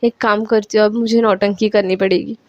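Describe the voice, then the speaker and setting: A woman's voice: mid-range voice, flat delivery, a little fast, dry recording, lo-fi sound, lightly acted. A woman voicing a playful young woman in love who teases and coaxes her partner, in a spoken love story. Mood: teasing, coaxing. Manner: teasing, coaxing, fake-whimpering.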